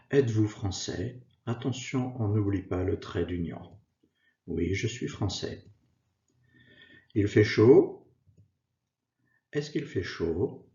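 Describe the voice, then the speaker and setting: A man giving a slow, scripted grammar lesson as a French teacher, carefully spacing out each example sentence. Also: low voice, mellow. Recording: echoey, dull lo-fi room sound.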